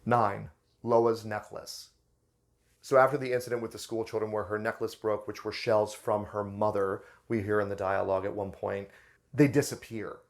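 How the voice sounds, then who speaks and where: A man who hosts a book and film review channel gives casual commentary on a TV episode, chatty and enthusiastic, with fillers and restarts. His voice is on the low side with little pitch movement, at a normal speed.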